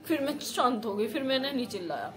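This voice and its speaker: A woman's voice: on the high side, very animated, quick pace. A woman giving an urgent eyewitness account to a reporter. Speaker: witness. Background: crowd.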